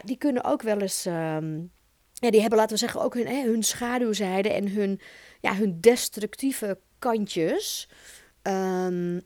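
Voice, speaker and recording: A Dutch-accented woman in her thirties hosts a solo podcast, talking in an intense, emphatic way and swearing now and then. Her voice sits at a middle pitch and sounds dry and close to the mic. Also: a little mellow, no echo. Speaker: podcast host.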